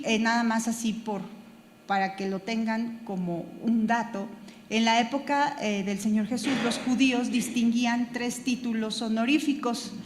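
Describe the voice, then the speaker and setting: A woman teaching a Bible class who stops and repeats words as she searches for them, and spells out terms letter by letter. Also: a little high. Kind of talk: Bible study lecture. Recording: echoey hall with room noise.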